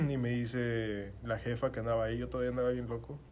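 A man's voice: medium pitch, fairly even intonation, quick pace, slight background noise. A young man with a Mexican accent telling a story to friends in casual, slangy chat full of swearing. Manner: slangy, swearing, acts out his own shouting in quotes.

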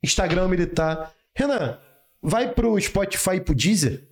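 A man's voice: high-pitched, animated, a little slow. A man in his late twenties with a Brazilian Portuguese accent, chatting casually and jokingly in slang as a podcast host. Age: late 20s. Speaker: podcast host, ex-army sergeant and exam-course seller.

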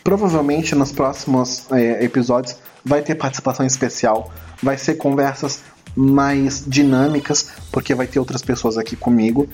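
A Brazilian man speaks as a podcast host over background music. His voice is hoarse and strained by throat trouble, sitting at a medium pitch. He talks casually and a bit haltingly, addressing his audience directly. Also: steady tone, a little mellow. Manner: informal, hesitant, addressing listeners directly. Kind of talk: casual solo film review podcast talk.

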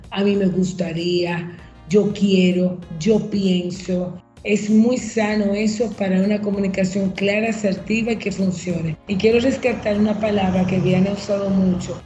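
Mellow-voiced woman giving calm advice. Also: mid-range voice. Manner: measured, explanatory, poses reflective questions. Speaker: guest counselor on relationships. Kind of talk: advice talk on a show. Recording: roomy, slightly dull sound.

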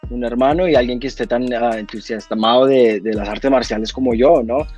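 A man in his twenties from Colombia, a guest talking in a relaxed, earnest way. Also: mid-range voice, fairly quick, breathy edge, lo-fi sound, faint music behind. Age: 20s. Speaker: guest, fighter. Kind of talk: casual interview.

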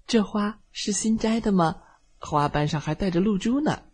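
A man voicing a boastful little male van, a competitive child, in a bedtime storybook, high and bragging. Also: normal speed, husky. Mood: curious.

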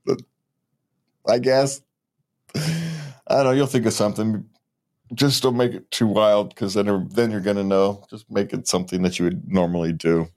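A man's voice: fairly low pitch, moderate pace, pauses often. An older man co-hosting a podcast, chatting casually and laughing often. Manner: relaxed, joking, laughs often. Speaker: podcast co-host. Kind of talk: casual chat.

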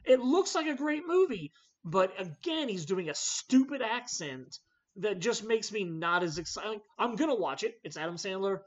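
Animated ranting man hosting. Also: high-pitched, moderate pace. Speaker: podcast host. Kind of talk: casual movie chat. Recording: slightly dull lo-fi audio.

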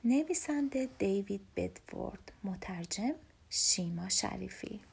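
A woman reading a children's storybook aloud in a soft, often whispered voice. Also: medium pitch, animated, creaky, husky.

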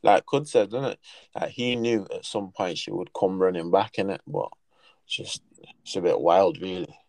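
Young male, London roadman accent and slang. Fairly low pitch, casual discussion, dry sound. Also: moderate pace, creaky, a little mellow, dry recording, poor audio.

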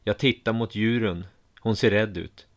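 A man narrating a first-person audiobook story in a calm, measured way. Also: on the low side.

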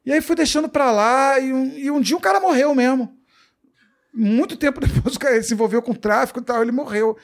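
A Brazilian man with a high voice tells a story in a relaxed interview. He swears freely and acts out the lines of the people in his tale, with lots of life in his delivery. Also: fast talker. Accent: Brazilian Portuguese. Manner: profane, animated storyteller acting out quoted dialogue. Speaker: comedian guest.

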